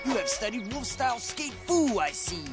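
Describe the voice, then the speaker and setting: A man's voice: very high-pitched, sing-song, moderate pace, over music. An actor, a man, voicing a mystical, teasing martial arts guardian in a cartoon, mock-wise and ceremonious.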